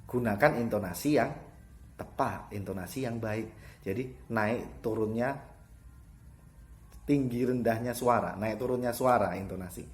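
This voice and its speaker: A man's voice: mid-range voice, a little slow, pauses often. A man teaching students in an online lesson, explaining each point and repeating the key terms.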